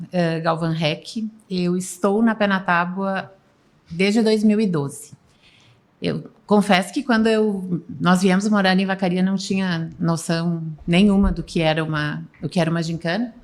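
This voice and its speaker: Low-voiced woman in her fifties. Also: fairly even intonation, normal speed. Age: 50s. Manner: rambling, restarts often. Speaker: team president, podcast guest. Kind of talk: casual podcast chat.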